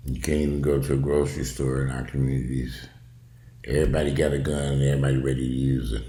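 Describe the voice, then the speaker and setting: A man's voice: extremely low pitch, little pitch movement, quick pace, dark tone, reverberant. A man giving casual, opinionated video commentary at home, talking in a blunt, profane, rambling way. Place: indoors at home.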